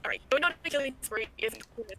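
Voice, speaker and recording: A woman's voice: fairly high pitch, fast, sharp tone, slight background noise. Give me a woman playing a tabletop game over a video call, her voice breaking up so it sounds half robotic. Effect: glitchy robotic-sounding bad connection, breaking up mid-word. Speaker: player.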